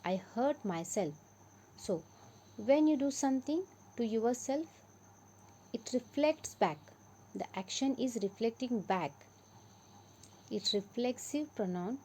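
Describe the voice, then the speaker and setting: A woman's voice: on the high side, warm tone, slight background noise, low-quality recording. A woman with an Indian English accent teaching a grammar lesson, patiently repeating and stressing example words.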